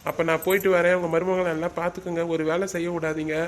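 A boastful village doctor, played in a comedy skit gives orders with a mid-pitched voice. He brags about his skills to the family. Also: flat delivery, fast talker, a little hiss or hum, lightly acted. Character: cocky male village doctor.

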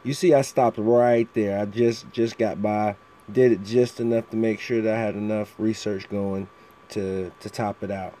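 Man, lowish pitch, mellow relaxed tone, casual game walkthrough commentary, faint background fan noise. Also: normal speed. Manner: frequent throat clearing. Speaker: mobile game player giving tips. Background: fan running.

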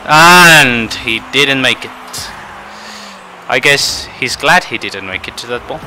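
A man giving frustrated gameplay commentary, swinging between muttering and shouting. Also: medium pitch, expressive, slow pace, soft background music, rough recording. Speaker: gaming channel host.

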